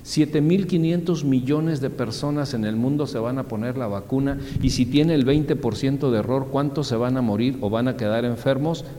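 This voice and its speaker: A man preaching a sermon, asking his listeners questions and answering them himself, swinging between loud high exclamations and low quiet asides. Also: normal speed, few pauses, slight background noise. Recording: long reverb, faint background ambience.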